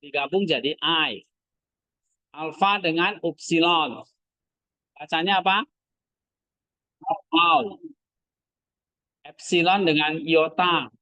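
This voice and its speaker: A man's voice: on the high side, unhurried, long pauses, bright, forceful tone, dry recording, poor audio. A man teaching a class, asking his students short questions as he goes. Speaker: Greek language teacher. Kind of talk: classroom lesson.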